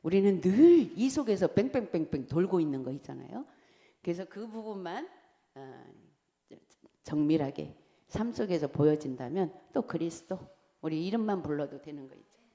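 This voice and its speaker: A middle-aged woman preaches in a church hall, her voice low and mellow, with a long reverb trailing after each phrase. She talks candidly and laughs at herself, then drops to a quiet read when she gives the next point of her outline. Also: expressive, normal speed. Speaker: pastor's wife preaching to Sunday school. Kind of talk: conversational sermon. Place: church sanctuary.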